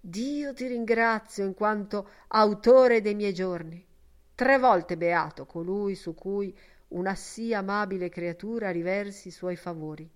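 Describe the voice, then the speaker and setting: A woman reading the part of a sentimental, lovestruck gentleman who speaks in an ornate, emotional old-fashioned way. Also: medium pitch, a little slow, natural voice. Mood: tender.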